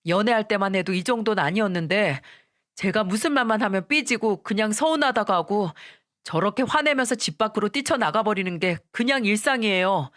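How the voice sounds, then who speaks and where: A woman's voice: medium pitch, fairly quick, a bit bright, no echo, clean studio sound, close to an everyday voice. Woman voicing an exasperated young husband. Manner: complaining, exasperated. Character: frustrated young husband and son.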